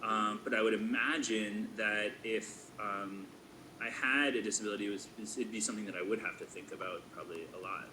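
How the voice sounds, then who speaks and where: A man's voice: on the low side, brisk, sharp tone, slight background noise, low-quality recording. A man of forty reflecting aloud in a thoughtful, hesitant way, with frequent fillers. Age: 40s. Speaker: school staff member. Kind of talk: casual reflective conversation.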